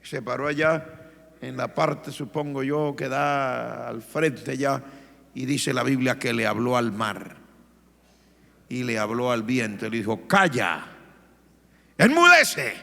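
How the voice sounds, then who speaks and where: A male pastor from Colombia preaching a sermon with dramatic storytelling that rises into shouts. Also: mid-range voice, flat delivery, slow, gravelly. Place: church. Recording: reverberant church hall.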